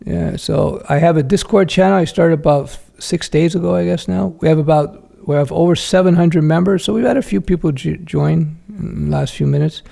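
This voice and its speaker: In a slightly high, creaky yet mellow voice, a middle-aged man talks briskly with few pauses while reading viewer questions aloud on a casual livestream Q&A he hosts. His answers are frank and chatty, packed with fillers, restarts and self-corrections.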